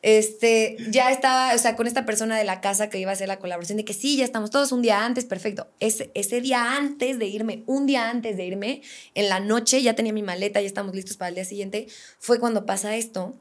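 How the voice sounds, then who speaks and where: A Mexican woman as a podcast guest, telling a personal story in lively, slangy casual talk and acting out the quotes. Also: fairly high pitch, brisk.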